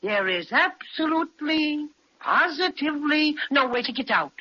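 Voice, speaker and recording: A man's voice: very high voice, expressive, normal speed. An actor voicing a cheerful, brave little male teddy bear in a 1930s children's radio serial, bossy and protective. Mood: serious. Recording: dull old 1930s radio recording, faint hiss.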